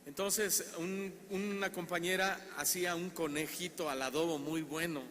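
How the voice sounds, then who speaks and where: Male Mexican pastor, fairly high voice; animated sermon with questions to the congregation; church hall reverb. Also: moderate pace. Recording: reverberant hall, faint background noise.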